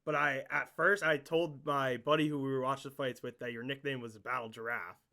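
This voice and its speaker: A man hosting a casual interview podcast, excitable and joking, swearing often as he asks questions. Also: mid-range voice, brisk, gravelly.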